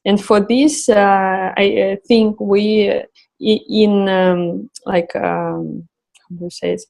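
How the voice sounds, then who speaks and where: Woman, hoarse, searching for words, interview answers. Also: mid-range voice, fairly even intonation, takes it slowly, a little mellow, poor audio. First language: Russian. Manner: searching for words, many restarts and fillers. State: losing her voice. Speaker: founder of a travel project.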